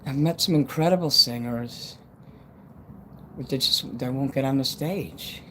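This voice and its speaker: An American man in his fifties hosts a casual livestream, speaking at a medium pitch and an unhurried pace. A dental retainer makes his s sounds whistle, and he's blunt, rambling, and swears often. Steady background noise runs under the recording.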